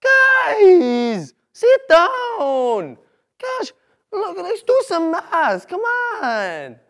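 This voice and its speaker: A high-strung, exasperated maths teacher, played by a young man as a comic teacher impression. The voice is very high and swings about, shouting and whining at a class. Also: huge pitch swings, very slow, exaggerated voice. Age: young adult. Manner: shrill shouting, whiny scolding. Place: school classroom.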